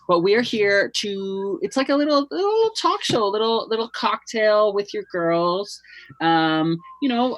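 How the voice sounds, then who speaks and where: A man's voice: sits high, fairly bright tone, no room sound, poor audio. A man with the campy, theatrical, gushing flair of a drag queen, chattily hosting a casual talk show.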